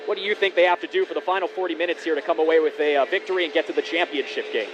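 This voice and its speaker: A man's voice: fairly high pitch, racing, highs cut off. A man working as a hockey announcer and interviewer, with a polished, formal live broadcast delivery. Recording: noisy live rink broadcast.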